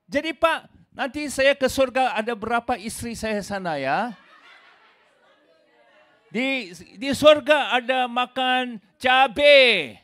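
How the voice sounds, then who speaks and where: A man preaching a sermon in an emphatic way, calling his listeners brothers and sisters, swinging from loud exclamations to low asides. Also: expressive, slow pace, a faint crowd. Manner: addresses listeners as "saudaraku".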